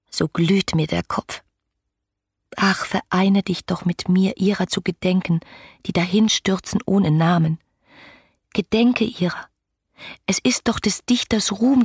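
In a literary radio play, an actress portrays a passionate, romantic young woman speaking to her beloved. Her medium-pitched voice is husky and breathy, and the delivery is intimate and poetic.

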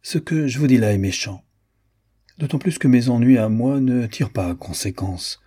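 A man's voice: mid-range voice, moderate pace, mellow, breathy edge, lightly acted. A man voicing a chatty, teasing young American society woman in an audiobook, playful and lightly mocking. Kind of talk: audiobook character voice.

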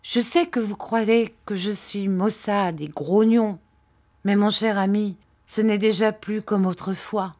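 An emotional, devoted aging widow pleading not to be left behind, put on by a woman reading a storybook. The delivery is unhurried and insistent, with the voice lifting as her plea grows urgent. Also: mid-range voice, fairly even intonation, darkish tone, natural voice. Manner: imploring, emotional.

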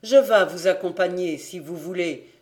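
A man's voice: sits high, normal speed, darkish tone, natural voice. A man reading an audiobook, voicing a young son who left the farm, speaking defensively and a little sheepishly. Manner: evasive and defensive, half-sheepish.

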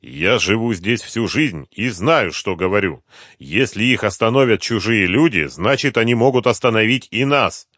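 A man's voice: on the low side, lively intonation, moderate pace, a bit bright, no room sound, studio quality, voice pushed up. A man voicing a stubborn old caravan drover in an audiobook, firm and insistent.

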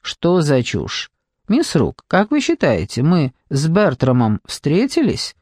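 A man's voice: a little high, wildly swooping pitch, slow, darkish tone, dry recording, studio quality, exaggerated voice. A man voicing a brash, self-assured private detective who is cheekily polite. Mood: breezy. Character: brash, breezy, flamboyant male private detective.

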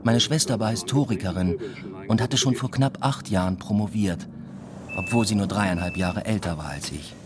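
In this radio play, an actor voices a weary, introspective male academic giving dry, reflective, understated first-person literary narration. His natural voice is fairly low-pitched at normal speed, with background noise.

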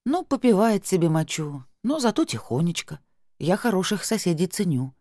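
Lively, wry woman narrator. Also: on the low side, moderate pace, dry recording, clean studio sound. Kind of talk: first-person audiobook narration.

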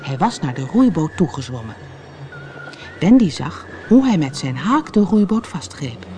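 A storyteller from the Netherlands reading a children's fairy tale aloud in an expressive way. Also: mid-range voice, a little slow, soft background music. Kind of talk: audiobook fairy tale narration.

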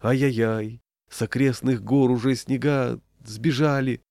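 A man voicing a dreamy, excitable city man who sighs and mutters, then bursts into excited shouts. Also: mid-range voice, unhurried, vocal fry, dry recording, studio quality. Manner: sighing exclamations, sudden excited shouts. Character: dreamy, excitable middle-aged man, easily distracted.

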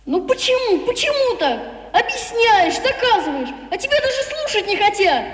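An actress playing an indignant, stubborn and sensitive schoolboy in a radio play, arguing with heat. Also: female voice, extremely high pitch, sing-song, normal speed. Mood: hurt. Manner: heated, argumentative.

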